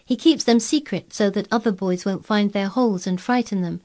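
A woman's voice: medium pitch, moderate pace, darkish tone, pitched above the performer's own voice, close to an everyday voice. A woman reading aloud, voicing a blunt, contrary girl who speaks earnestly and stubbornly. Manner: obstinate, earnest, eager describing.

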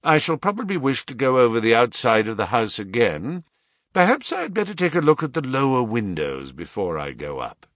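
A man reading aloud, playing a calm, precise male detective who asks measured, probing questions. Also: mid-range voice, no echo, studio quality. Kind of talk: audiobook reading.

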